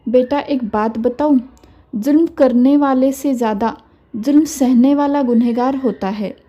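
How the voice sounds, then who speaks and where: A steady, quietly firm grandmother , voiced by a woman narrator gives gentle counsel in this audio storybook. The delivery is slow and unhurried, with a mellow, dark tone. The recording sounds slightly dull and muffled. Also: sits high. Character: older mother-in-law, calm, wise, quietly firm.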